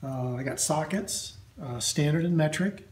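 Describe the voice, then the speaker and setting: Slow, halting man in a noisy workshop. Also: a little high. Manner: slow, halting, lots of ums and uhs. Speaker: workshop video host. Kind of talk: casual show-and-tell of tools. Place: indoor workshop at a metal bench. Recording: loud clatter of metal tools.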